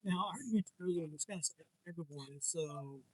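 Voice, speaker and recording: A man's voice: on the high side, fast talker, no room sound, rough recording. A man interviewing a comics publisher, asking long, rambling questions with many restarts. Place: comic convention floor.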